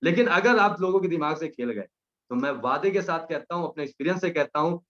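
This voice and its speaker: A young man gives a motivational speech in a fairly high voice. He drives his points home with emphasis and keeps repeating his punchlines. The recording is slightly muffled and lo-fi. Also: expressive, brisk. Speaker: motivational team leader.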